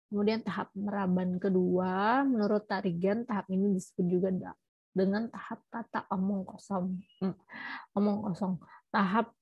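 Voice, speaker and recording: A woman's voice: mid-range voice, fairly even intonation, normal speed, husky, no echo. A woman teaching a class on child language development, explaining step by step and often checking in with "ya" and correcting herself mid-phrase. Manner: explanatory, frequent tag "ya", self-corrections. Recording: muffled lo-fi recording.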